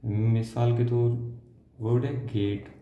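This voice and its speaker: A man teaching a shorthand lesson step by step, slow and patient, trailing off softly as he draws each symbol. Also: medium pitch, steady tone, a little hiss or hum. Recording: dull lo-fi sound in an echoey room.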